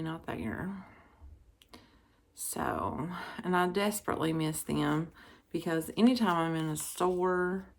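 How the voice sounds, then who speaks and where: A woman's voice: medium pitch, vocal fry, fairly bright tone. A middle-aged woman vlogger chatting casually in a rambling way, then reading a devotional aloud. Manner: chatty, rambling, with many "like" fillers.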